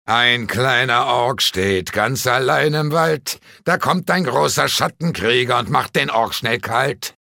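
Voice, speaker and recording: A man's voice: medium pitch, takes it slowly, creaky, hardly any pauses, pushed and bright, dry recording, studio quality, heavily acted. A man playing a clownish, boastful fantasy warrior in a comic video game, with theatrical bragging. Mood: goofy boasting.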